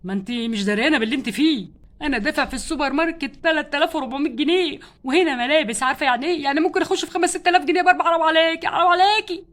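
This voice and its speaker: A woman's voice: sits high, racing, lightly acted. Ken, a woman doing a stingy grumbling husband doll. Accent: Egyptian Arabic. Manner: complaining, exasperated about money. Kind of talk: doll play storytelling.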